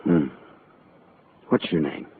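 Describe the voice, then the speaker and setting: In 1940s radio acting, a man plays a wisecracking hard-boiled private eye, dry, clipped, and wry. His voice is close to everyday and slow-paced, heard over a tinny old radio broadcast with faint hiss.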